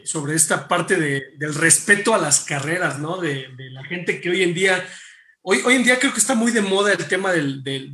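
A man's voice: on the high side, fairly bright tone, echoey room. A man hosting an interview, asking long, rambling questions in a casual tone. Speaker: interviewer, host.

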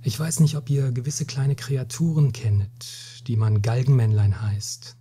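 A weary Spanish captain with a burden on his conscience, speaking slowly and gravely and turning scornful when crossed, as a male reader puts him on. The voice is dark and mellow, and deeply husky and breathy, in a storybook reading. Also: steady tone. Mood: solemn. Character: weary, hot-tempered Spanish captain, middle-aged man.

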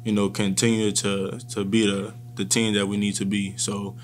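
There's slight background noise as a college football player in his twenties answers post-game questions in a press room with a sponsor backdrop. Speaking into table microphones in front of him, his voice is on the low side, and he stays calm and measured while often restarting.

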